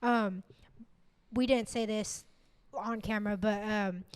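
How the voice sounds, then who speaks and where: A woman's voice: medium pitch, steady tone, takes it slowly, smooth, in a large hall. A woman hosting a podcast in casual, laid-back chat, swearing freely as she asks questions. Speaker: podcast host.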